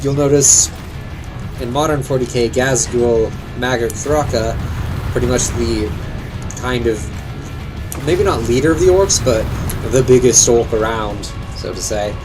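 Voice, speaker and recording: A man's voice: mid-range voice, a little slow. Rambling male gaming streamer. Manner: rambling, thinks aloud, swears. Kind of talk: casual gameplay commentary. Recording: streamed over game music.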